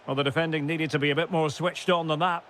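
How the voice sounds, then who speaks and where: Male play-by-play caller, high and bright tone, punchy name calls. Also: steady tone, quick pace, a little hiss or hum. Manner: calls player names, rises sharply on goals and chances. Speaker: play-by-play football commentator. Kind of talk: video game match commentary.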